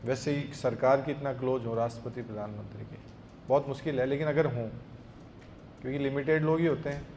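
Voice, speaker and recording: Guy preaching a devotional story, acts out the lines, faint rumble behind. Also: darkish tone. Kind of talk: devotional Hindi discourse.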